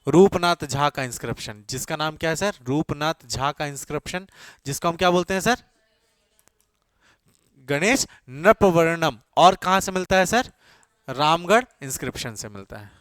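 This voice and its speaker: Lively intonation and a fairly bright tone mark this slightly high-voiced man teaching a class. He shoots out questions, pushes students to answer quickly, and repeats their answers so they can take notes. There is no room echo; the sound is close and dry.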